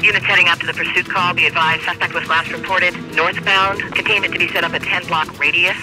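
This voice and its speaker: A man's voice: high-pitched, steady tone, fast talker, poor audio. A man voicing a male police dispatcher, giving clipped procedural calls over a police radio. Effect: police radio transmission. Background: loud game music.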